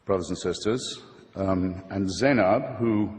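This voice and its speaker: A man's voice: deep voice, darkish tone. Wry male debater in a reverberant hall. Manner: wry, ironic, measured oratory with pointed asides. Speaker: debate speaker. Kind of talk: formal debate speech to a live audience.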